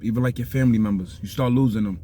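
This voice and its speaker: Bronx man with a low, mellow voice. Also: racing, slight background noise. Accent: New York (Bronx). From South Bronx, New York. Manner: rambling, keeps asking "you understand?". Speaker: vlogger giving life advice. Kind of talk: casual street talk.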